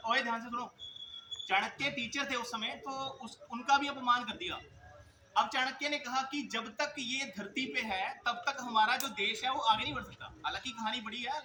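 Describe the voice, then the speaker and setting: A male coaching teacher giving an earnest motivational speech to students at a school event, telling stories and addressing them directly. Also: high-pitched. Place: school event hall with audience. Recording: echoey hall with noisy ambience.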